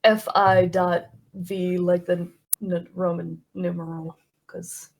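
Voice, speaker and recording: A woman's voice: lowish voice, level tone, slow, gravelly, a little mellow. A woman chatting casually while playing a tabletop role-playing game, rambling with fillers and laughs.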